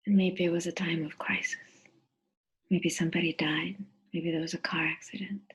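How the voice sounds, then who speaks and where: Leading a guided meditation, a woman speaks with fairly low pitch and an even tone. Her voice is soft, husky and breathy, and she moves gently and deliberately, pausing between each phrase.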